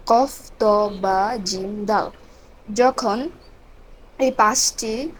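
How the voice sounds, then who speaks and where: A woman teaching Quran reading, spelling out letters and repeating each syllable slowly. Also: on the high side, slight background noise, low-quality recording. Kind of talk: slow step-by-step recitation lesson.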